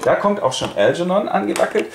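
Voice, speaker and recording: A man hosting a casual, colloquial retelling of a classic comedy, bouncing quickly between quoted lines. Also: sits high, lively intonation, vocal fry, slight background noise. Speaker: host. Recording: roomy echo.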